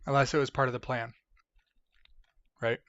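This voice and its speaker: A man's voice: medium pitch, little pitch movement, moderate pace, a bit bright, dry recording. Tired us guy streaming, rambling thru chat, dry dull mic. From United States. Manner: rambling, reads chat aloud, yawning and tired. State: sleepy. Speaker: livestream host. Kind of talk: casual livestream chat.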